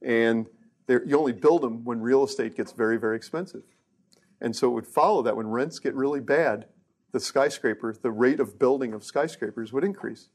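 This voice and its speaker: A middle-aged man lectures on hardware research in a relaxed, offhand way. He drops wry jokes into the technical points and often stumbles and restarts mid-sentence. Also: medium pitch, moderate pace. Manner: casual, joking asides, frequent restarts. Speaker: research engineer giving a lecture.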